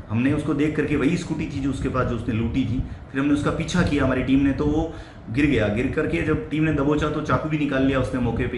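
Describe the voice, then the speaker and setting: Cop giving a statement, super echoey room, noisy background. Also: male voice, mid-range voice. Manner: plain reporting, formal police phrasing. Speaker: police officer. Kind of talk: press statement. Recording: very echoey room, clear room noise.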